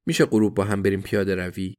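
A man voicing a gentle, earnest man in an audiobook reading. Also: low voice, fairly even intonation, no echo, studio quality, natural voice.

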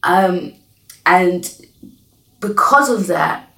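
A woman's voice: lowish voice, vocal fry, pushed and bright, distant mic. A woman hosting a podcast, talking openly and reflectively, often stopping to restart her sentences. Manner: open, reflective, halting with restarts. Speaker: podcast host. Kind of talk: candid conversation. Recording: roomy echo, off-mic.

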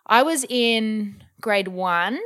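A woman's voice: mid-range voice, extremely slow, a bit bright, clean tone. A young Australian woman chatting casually as an interview guest, with lots of ums and likes. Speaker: guest, model and influencer.

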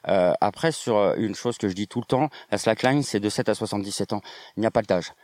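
A man's voice: lowish voice, a little fast, darkish tone, no room sound. A man who trains and organizes slackline, answering interview questions in a rambling way full of fillers. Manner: rambling, many fillers and restarts.

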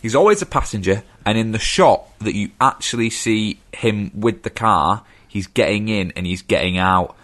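A man, co-hosting a casual film chat and sharing trivia in a relaxed way. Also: lowish voice, normal speed, hardly any pauses. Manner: relaxed storyteller, shares trivia.

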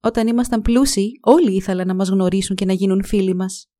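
A woman's voice: mid-range voice, steady tone, dark tone, dry recording, clean studio sound, natural voice. A woman voicing a worried, bitter farmer's wife in a storybook reading. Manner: plaintive.

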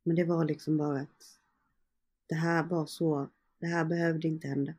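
Young woman, warm dark tone, casual storytelling, lots of fillers and quoted dialogue. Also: low voice, little pitch movement, breathy edge. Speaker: interview guest. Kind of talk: personal storytelling in conversation.

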